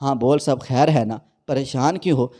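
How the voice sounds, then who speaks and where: A man's voice: medium pitch, warm tone, lightly acted. A man voicing a tired, tender old fruit-seller father who pleads and grieves, in a storybook reading. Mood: affectionate. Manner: pleading, heartbroken.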